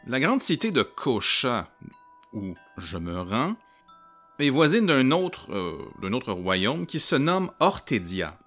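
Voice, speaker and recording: A man giving casual commentary while playing a game, explaining things in a halting way with frequent pauses and restarts. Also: mid-range voice, very animated, a bit bright, faint music behind. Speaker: game streamer. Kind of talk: casual commentary over gameplay.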